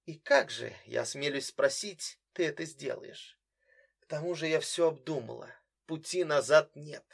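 A man's voice: a little high, animated, moderate pace, vocal fry. A man reading a sarcastic, bitter young woman. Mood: accusing. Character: bitter, mocking young woman confronting her brother.

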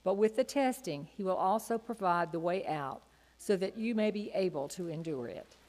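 A woman reading scripture aloud formally as a church reader, in measured, declamatory phrases. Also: fairly low pitch, animated, a little mellow. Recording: reverberant hall.

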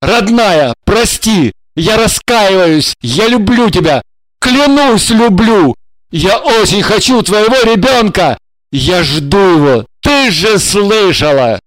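A woman's voice: fairly low pitch, expressive, a little slow, no room sound, rough recording. A woman voicing a desperate young husband who pleads and begs with urgent intensity. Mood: pleading.

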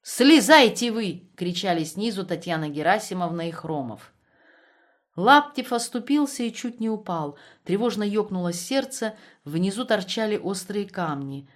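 A woman reading a novel aloud as an audiobook narrator, measured and expressive. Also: mid-range voice.

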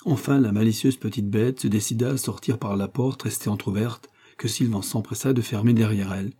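Dark, husky male storyteller. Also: fairly low pitch, fairly even intonation, a little fast. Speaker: audiobook narrator. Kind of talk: scripted narration of a novella.

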